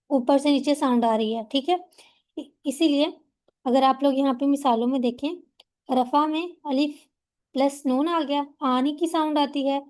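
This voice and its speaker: Woman teacher, young adult, high voice, patient classroom lecture, checks understanding, drawls out example words slowly. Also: a little mellow. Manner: explains patiently, often checks understanding with a rhetorical question; slows down to spell out example words syllable by syllable.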